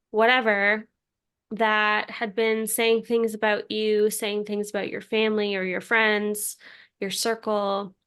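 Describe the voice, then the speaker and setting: A young woman co-hosting a podcast in casual chat, animated, laughing mid-sentence and posing hypotheticals. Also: mid-range voice, clean tone. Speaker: podcast co-host.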